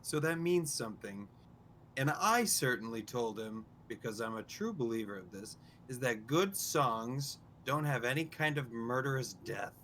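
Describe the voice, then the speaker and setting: A man's voice: medium pitch, animated, moderate pace, a bit bright, a little hiss or hum. A man playing a tabletop game, talking easily and persuasively. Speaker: player. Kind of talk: casual tabletop game chat.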